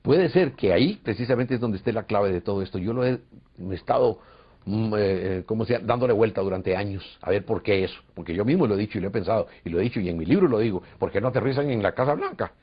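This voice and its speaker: A man from Costa Rica, interviewed as a UFO contactee, speaks fast in an expressive, lowish voice with a breathy edge and a Costa Rican Spanish accent. He earnestly relates a long story with hesitations, heard through a dull lo-fi recording.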